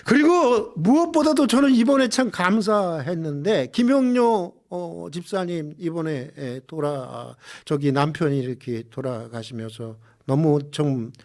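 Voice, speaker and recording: A male pastor preaching in church, impassioned, rising to loud exclamations and dropping to hushed low passages, firing rhetorical questions at the congregation. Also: animated, unhurried, hardly any pauses. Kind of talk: sermon.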